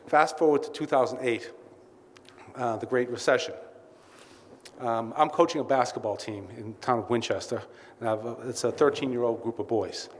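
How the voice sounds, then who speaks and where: A man at an event, speaking as CEO and telling candid stories with plenty of asides. His voice sits at an ordinary middle pitch. It rings out with a long reverb through a large hall, with faint ambient noise behind. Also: steady tone, normal speed. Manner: candid, anecdotal storytelling with many asides. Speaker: CEO giving a welcome speech. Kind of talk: speech at a client event.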